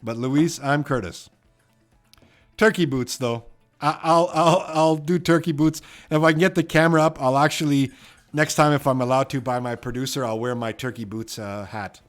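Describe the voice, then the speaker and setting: With faint music in the background, a Canadian-accented man from Edmonton reads viewer comments on his trivia live stream. His medium-pitched voice stays fairly even at a normal speed, and his loose, rambling talk is full of fillers and "you know what".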